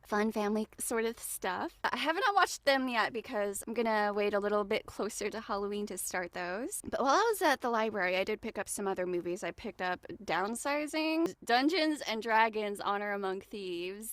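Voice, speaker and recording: A woman guest co-host chatting casually, rambling in an animated way and giggling often. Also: a little high, no room sound. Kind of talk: casual chat.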